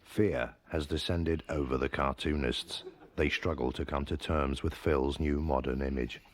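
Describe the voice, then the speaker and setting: A solemn documentary narrator with an extremely deep voice. He reads in a measured, deadpan way. The narration is scripted, as in a mock documentary.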